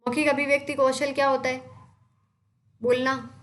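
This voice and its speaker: A woman's voice: sits high, little pitch movement, normal speed, a bit bright. A young woman teaching an exam-prep lecture, explaining step by step and answering her own questions.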